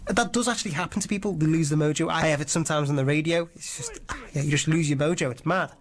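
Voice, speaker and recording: A man's voice: on the high side, fast talker. Chatty man hosting a movie show. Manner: chatty, enthusiastic, jokey asides. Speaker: radio show host. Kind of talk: casual movie trivia chat.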